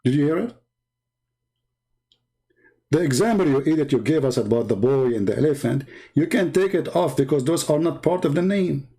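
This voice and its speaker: A man's voice: fairly high pitch, expressive, normal speed, long pauses, warm tone, husky. A man hosting a heated live debate, combative and mocking, talking over his opponents. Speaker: debate host.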